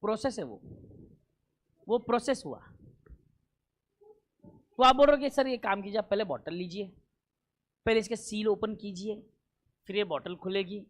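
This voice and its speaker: A man with a fairly high voice lecturing a class. He drives each point home with repetition and keeps asking whether everyone has understood. He slows down on key English terms. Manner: emphatic, repeats points and keeps checking understanding; mixes in English phrases, slowing down for key terms.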